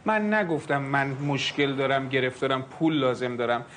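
A man's voice: medium pitch, a bit bright, a little hiss or hum, natural voice. An actor playing a frustrated man short of money who is selling property, pressing and sarcastic. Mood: indignant. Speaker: property seller.

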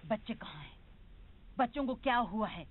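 A woman's voice: medium pitch, animated, normal speed, background noise, close to an everyday voice. A woman playing an indignant mother who scolds her grown son, in a dubbed TV drama. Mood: stern. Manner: scolding, insistent. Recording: tinny phone-like sound.

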